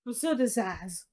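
Female stream co-host, distinctly high voice, casual, giggly and playful. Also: mellow, slightly rough. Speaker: livestream co-host. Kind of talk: casual livestream chat.

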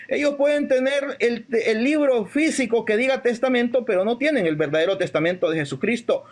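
A man in a live online debate, reading Bible verses slowly and arguing his point with stresses on each quoted line. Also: high voice.

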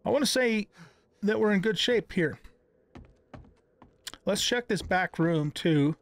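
This middle-aged gaming video host speaks in a high-pitched, animated voice but takes his time. He offers casual gameplay commentary, musing aloud as if in conversation.

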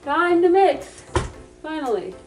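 A woman's voice: sits high, very animated, takes it slowly, music in the background. A young woman chatting in a sarcastic, self-mocking way in a home kitchen, her voice muffled inside a costume head. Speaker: vlogger. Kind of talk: casual vlog chat.

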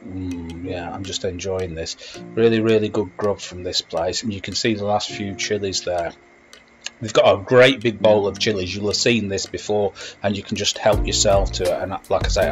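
A middle-aged man, chatting casually as a food vlogger while he walks and eats, rambling with lots of fillers. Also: lowish voice. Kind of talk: casual vlog commentary. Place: shopping mall and food court. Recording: street noise and background music.

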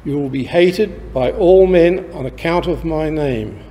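A man with an Australian accent, a priest reading the Gospel at Mass in a slow, measured way, his voice ringing with cathedral echo. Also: on the high side, warm tone. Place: large church. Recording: long cathedral reverb.

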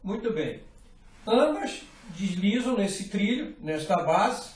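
Speaking slowly in a high, very animated voice, a middle-aged Brazilian man walks viewers through fly rod building as a hands-on workshop tutorial. He is patient and methodical, frequently checking in as he works. The small indoor workshop room is echoey, and the mic sits far from him.

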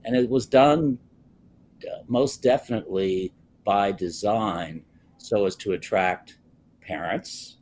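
An older man speaking as a guest on a live TV interview over a video call from a wood-panelled office, measured and pausing often with "uh". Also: fairly low pitch, darkish tone, slight background noise. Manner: slow, measured, frequent "uh" pauses. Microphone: video call, webcam close up.

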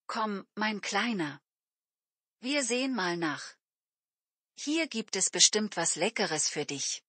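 A woman's voice: mid-range voice, expressive, slow pace, fairly bright tone, slightly rough, dry recording, full character voice. A woman voicing a young barmaid who speaks fondly to a small dog, in an audiobook story for language learners. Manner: coos affectionately at a dog.

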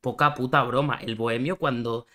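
A man streaming a reaction video, working through rhyme rules out loud and swearing now and then. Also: mid-range voice, fairly even intonation, normal speed. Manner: thinks aloud, questions himself, swears. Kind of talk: casual reaction chat.

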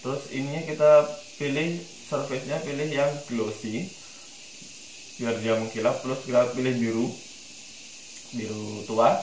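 A man's voice: mid-range voice, fairly even intonation, a little slow, long pauses, roomy sound, slight background noise, rough recording. Man talking through a 3D tutorial. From Indonesia. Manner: thinking aloud with many fillers. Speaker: tutorial instructor. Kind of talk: screen-recorded software tutorial.

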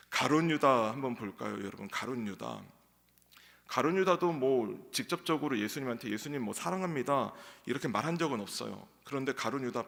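Pastor, male, preaching in a gravel-edged voice that echoes in a reverberant sanctuary. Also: a bit bright. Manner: acts out quoted lines in a raised pitch. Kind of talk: sermon. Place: church sanctuary. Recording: long church hall reverb.

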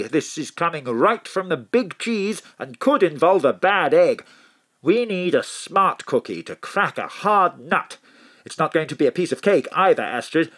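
In an audio drama, a male actor voices a hearty, plummy spy chief, sounding jaunty, posh and emphatic and peppering his lines with old-school slang. His voice sits high with a fairly bright tone, and the performance is heavily acted.

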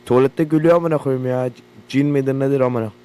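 A man's voice: mid-range voice, fairly even intonation, quick pace, clean tone. A young man giving profane, jumpy commentary while playing a horror game, with a game hum behind him. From Turkey. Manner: profane, loud, jumpy reactions. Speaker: gaming YouTuber. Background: generator hum from the game.

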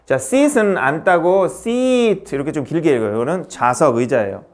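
A man teaching an English grammar lesson, brisk and quizzing his student as he goes. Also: fairly high pitch, animated.

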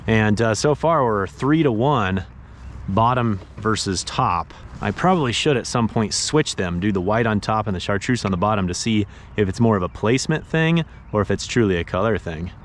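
A man in his thirties chatting casually on a fishing vlog from a kayak on a pond, easily excited and saying dude and bro. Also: on the low side, moderate pace, a little hiss or hum. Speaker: fishing vlogger. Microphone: action camera mounted on the kayak.

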